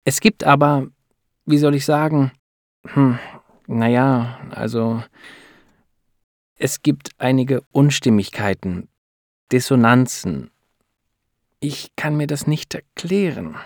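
A man's voice: medium pitch, moderate pace, a little mellow, no echo, pitched above the performer's own voice, close to an everyday voice. Earnest woman doctor in a storybook reading, a man raising his voice for her, serious and careful, dry close sound. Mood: hesitant serious. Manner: earnest, hesitant when delivering bad news. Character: serious middle-aged female lab doctor.

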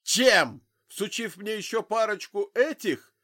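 A man voicing a drunk, grieving father who shouts in rage, in an audiobook. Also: sits high, lively intonation, takes it slowly, dry recording, clean studio sound, pitched above the performer's own voice, full character voice. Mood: enraged. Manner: shouting, raging. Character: drunk grieving father, tall middle-aged man, furious.

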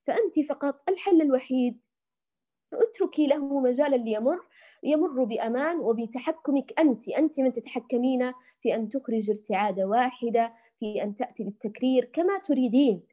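A woman's voice: high voice, a little fast. A woman teaching Quran recitation to women, patiently demonstrating letter sounds and tenderly addressing her listeners as dear ones. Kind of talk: tajweed lesson for women. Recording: dull lo-fi recording.

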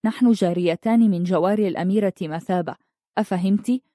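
A woman reading the lines of a secretive palace maidservant who talks in a hushed, urgent way. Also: mid-range voice, fairly quick, dry recording, studio quality, natural voice.

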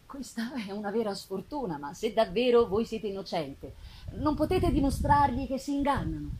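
A woman reading aloud, voicing a blind, poor old man who speaks gently and in a measured way. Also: fairly high pitch, expressive, background noise, natural voice. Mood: gentle, kindly. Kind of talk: literary reading with character voices.

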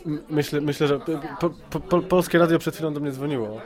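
This amateur voice actor sounds on the high side, darkish and steady as he speaks fairly quickly in a casual interview. He hesitates, repeats words often and shows a tongue-in-cheek side, all over a backdrop of busy crowd chatter.

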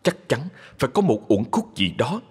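A man narrating a ghost story in a dramatic scripted style, slowing for suspense. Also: mid-range voice, sing-song. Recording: husky voice in long reverb with music.

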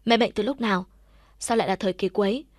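A woman's voice: medium pitch, fast talker, darkish tone, no echo, lightly acted. Tearful young daughter, pleading, woman narrator voicing, dry close sound. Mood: distraught.

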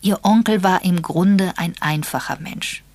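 A woman's voice: lowish voice, a little slow, dry recording, voice pushed up. A woman voicing an elderly, shrewd spinster detective who explains things in a mild, patient way. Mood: gently knowing. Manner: mild, patient, gently lecturing.

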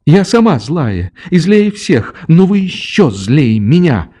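A defiant, tearful little orphan girl , as a male reader puts her on, lashing out in shrill, high sobbing cries. Her voice jumps far above the reader's own, slow and dark in tone. It is a storybook reading of a classic novel. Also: big pitch swings, full character voice.

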